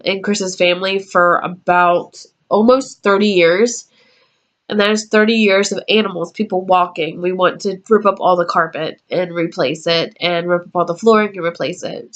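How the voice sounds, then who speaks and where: This is a woman in her twenties making a casual vlog from her room at home. Her voice sits at an ordinary middle pitch. She rambles in a friendly way, dropping ums as she goes through her list. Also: fairly bright tone. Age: 20s. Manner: chatty, meandering, with frequent ums. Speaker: YouTuber.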